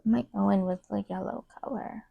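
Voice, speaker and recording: A young woman chatting casually while doing her makeup, rambling with many fillers and trailing off into soft asides. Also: mid-range voice, steady tone, brisk, gravelly, slightly rough, dry recording, phone-quality sound. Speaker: beauty vlogger. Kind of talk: casual get-ready-with-me chat.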